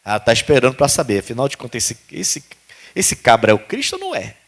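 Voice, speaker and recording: A male pastor preaching a sermon, animated and calling out to the congregation. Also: medium pitch, quick pace, creaky.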